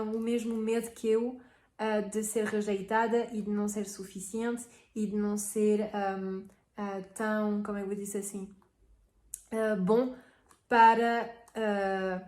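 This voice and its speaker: Woman with flat, hesitant delivery. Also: medium pitch, a little slow. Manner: hesitant, often searching for words. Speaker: relationship advice speaker. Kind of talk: casual advice talk. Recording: echoey room.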